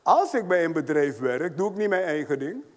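High-voiced man preaching in a reverberant hall. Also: sing-song, moderate pace. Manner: emphatic, repeats points with rhetorical questions. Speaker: apostle preaching. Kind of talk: sermon. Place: church hall with congregation.

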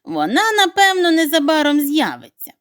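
A woman's voice: sits high, wildly swooping pitch, moderate pace, fairly bright tone, pitched above the performer's own voice, heavily acted. A woman voicing a brave, loyal young male dog who speaks urgently and eagerly. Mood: reassuring.

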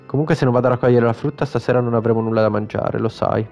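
A man's voice: mid-range voice, fairly even intonation, rapid-fire, vocal fry, a little mellow, soft background music, lightly acted. A man reading the lines of a blunt, protective young woman from a video game, in his own plain voice.

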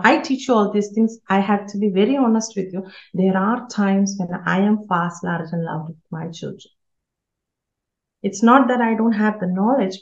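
A woman's voice: medium pitch, darkish tone. Earnest woman giving a parenting talk. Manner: earnest, repeats key words for emphasis. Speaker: parenting speaker. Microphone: video call. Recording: roomy, slightly dull online call audio.

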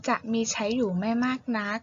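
A woman teacher giving a reading lesson, speaking slowly and spelling out each sound for her students. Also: dry recording. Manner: slow, deliberate, spelling out sounds. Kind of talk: classroom lesson on reading aloud. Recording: dull lo-fi recording.

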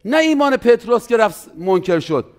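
Guy preaching a sermon, high voice, loud bits then quiet bits. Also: very animated. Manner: preaching with sweeping pitch and loudness swings, acting out quoted doubters. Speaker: pastor.

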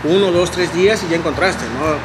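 Over loud music in a nighttime café, a Mexican-accented man in his thirties hosts a relaxed vlog chat, joking and swearing often. His high voice keeps a fairly even intonation and a brisk pace. The recording is low quality.

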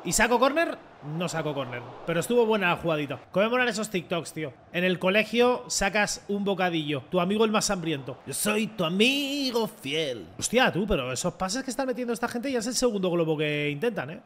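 A young man with a Spain Spanish accent, commenting his own football video game in an excitable, mocking way and swearing often. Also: high-pitched, quick pace, a little hiss or hum. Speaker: gaming content creator. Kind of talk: casual gameplay commentary.

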